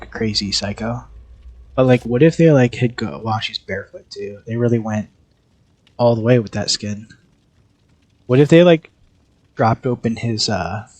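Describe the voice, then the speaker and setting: A man streaming a horror game live, chatting with viewers and reacting loudly to the match. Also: mid-range voice, no room sound. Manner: chatty, reacts loudly and reads chat aloud. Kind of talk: live gameplay commentary.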